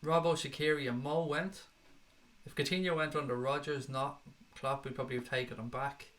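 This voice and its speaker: Irish guy chatting on a stream, bright voice, blunt and sweary, reads out comments. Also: medium pitch, fairly even intonation, fairly quick. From Ireland. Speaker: livestream host reading chat. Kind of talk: casual chat.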